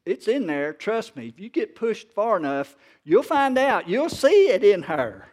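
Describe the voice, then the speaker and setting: A man preaching a sermon, joking and laughing often, calling for responses from the congregation and reading scripture slowly and emphatically. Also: high voice, very animated, darkish tone. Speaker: pastor.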